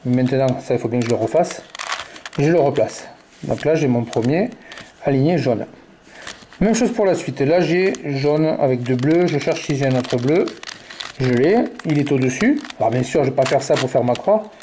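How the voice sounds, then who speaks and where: Man, warm low-key voice, step-by-step tutorial, muttering moves aloud, light background hiss. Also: expressive, normal speed. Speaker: puzzle tutorial presenter.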